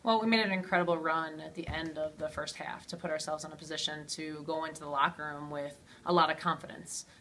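A woman head coach answering postgame questions in a steady way, with frequent ums and you-knows. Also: low voice, quick pace, hardly any pauses, a little hiss or hum. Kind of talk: postgame interview.

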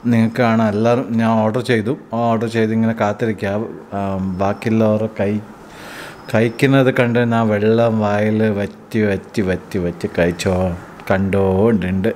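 A man's voice: fairly low pitch, level tone, very fast, a little mellow, slight background noise. A Malayali-accented man talking through a face mask, chatting to his viewers in a casual food vlog from a restaurant. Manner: chatty, addresses viewers as friends. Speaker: food vlogger. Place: busy restaurant.

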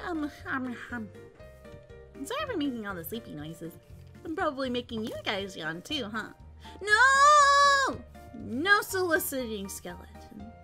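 A woman streaming a game live, excitable and giggly, often breaking into squeals and repeated panicked cries. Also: fairly high pitch, normal speed. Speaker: VTuber streamer. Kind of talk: live gameplay commentary. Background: faint background music.

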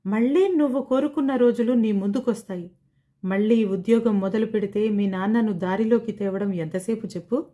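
A woman's voice: mid-range voice, moderate pace, natural voice. A woman storyteller voicing a bold young woman who scolds her friend and then urges her to be brave. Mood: encouraging. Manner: scolding, forceful, encouraging.

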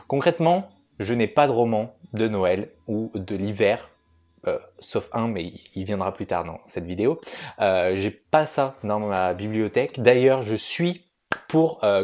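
A man's voice: lowish voice, a little mellow. A young man chatting casually in a book vlog, self-mocking and hesitant, recorded indoors at home at night. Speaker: booktuber.

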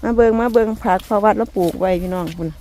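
A woman's voice: medium pitch, racing, slight background noise. A woman with an Isan accent hosting a casual garden vlog, talking in a folksy, chatty way to her viewers and laughing often. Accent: Isan (Northeastern Thai). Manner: chatty, folksy, ends phrases with soft polite particles, laughs often. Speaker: vlog host. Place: rural home garden, outdoors.

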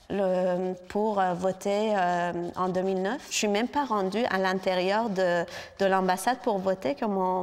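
A visual artist from Iran speaks earnestly about her exhibition in an interview, hesitating frequently with many filler sounds. Her voice is medium-pitched and darkish, trailed by a long reverb.

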